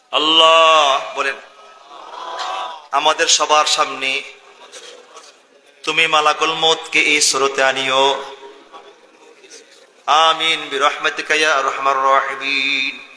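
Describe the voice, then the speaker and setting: Male preacher, high and cutting tone, rousing sermon to a live crowd, heavy reverb. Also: sharp tone. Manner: calls on the crowd to answer, chants Arabic verses in sing-song. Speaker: preacher (mufti). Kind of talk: Bengali Islamic sermon. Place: sermon gathering with live audience. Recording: long booming hall reverb.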